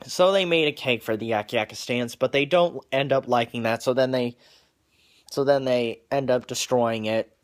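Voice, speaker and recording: A man talking casually through the plot of a cartoon episode in his own everyday voice, pitched in a middle range. He stops and restarts often, doubling words before pushing on with the story. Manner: halting, with frequent restarts and repeated words; wears glasses on camera.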